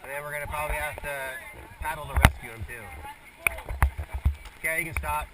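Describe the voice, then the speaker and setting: A laid-back male rafting guide with a slightly high voice talks casually to his crew. He sounds a little way from the mic, outdoors with very loud rushing water all around. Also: level tone, far from the mic, heavy background noise. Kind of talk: casual instructions and chat with crew. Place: outdoors on a raft on a river.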